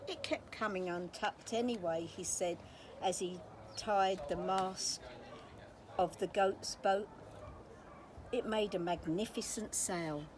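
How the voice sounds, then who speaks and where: Against a noisy background, a woman with a mid-range voice reads a children's storybook aloud, telling the story expressively and deliberately.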